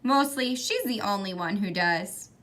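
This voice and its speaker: A woman reads a children's picture book aloud in an expressive storytelling style. Her mid-range voice keeps a measured pace.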